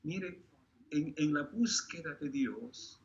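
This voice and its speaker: A man from Peru, a priest, reading scripture aloud and giving a spiritual talk in a slow, emphatic way. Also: a little high. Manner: slow, emphatic, keeps urging listeners to look. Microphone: video call. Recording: dull lo-fi video call audio.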